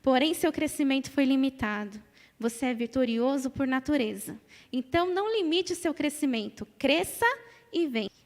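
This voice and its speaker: A thirty-something Brazilian woman with a Brazilian Portuguese accent gives an emphatic church sermon, her high-pitched voice expressive and at normal speed. She repeats phrases and prompts the congregation to answer, recorded in a reverberant church hall.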